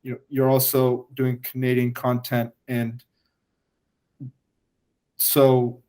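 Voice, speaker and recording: Podcast host, "you know"-heavy. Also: male voice, mid-range voice, monotone, takes it slowly, warm tone. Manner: leans heavily on "you know". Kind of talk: casual interview.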